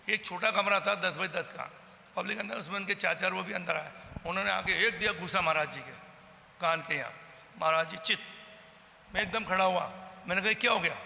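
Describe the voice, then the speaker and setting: A man gives a heated eyewitness account, stepping into the voices of the people he quotes. His voice is high, gravelly and very bright. It carries a long reverb over faint background noise. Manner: agitated storytelling, acting out the quoted exchanges. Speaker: eyewitness from the local community. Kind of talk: personal account to a news camera.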